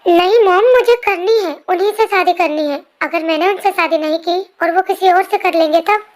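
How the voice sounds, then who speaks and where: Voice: very high voice, fairly even intonation, a little fast. A performer voicing a headstrong twenty-year-old girl who pleads and refuses to back down, in an amateur fan dub voice-over. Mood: stubborn. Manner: pleading, stubborn.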